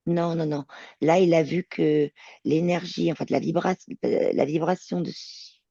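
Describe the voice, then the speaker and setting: A woman working as a telepath, describing her visions in a channeling session, halting and searching for words. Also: low-pitched, steady tone, gravelly, mellow, husky, dry recording, highs cut off. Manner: hesitant, searching for words, many fillers.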